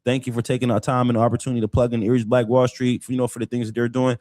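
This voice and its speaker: A man co-hosting a live talk show speaks quickly and earnestly, stacking phrase on phrase for emphasis. His voice sits at a middle pitch and sounds close and dry, with no room around it. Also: level tone, warm tone, no echo. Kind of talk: casual commentary on local politics.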